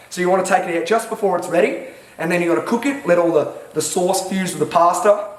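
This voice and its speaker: Aussie bloke doing a fake cooking show, cocky, swears a lot, kinda high voice, echoey kitchen. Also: male voice. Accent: Australian. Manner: cocky, swearing, lecturing the viewer. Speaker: home cook vlogger. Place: home kitchen.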